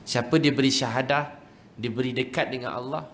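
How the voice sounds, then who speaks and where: A man's voice: medium pitch, fairly even intonation, brisk, fairly bright tone, a little hiss or hum. A man with a Malaysian Malay accent preaching a storytelling sermon, emotional and acting out the voices in his story while speaking straight to his audience. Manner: emotional, acts out quoted voices, addresses audience directly.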